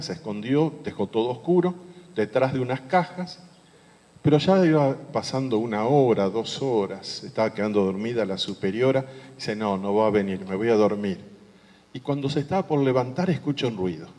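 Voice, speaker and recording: A man's voice: fairly high pitch, darkish tone. A priest tells a humorous anecdote during a sermon, adding playful asides to his listeners. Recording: long hall reverb.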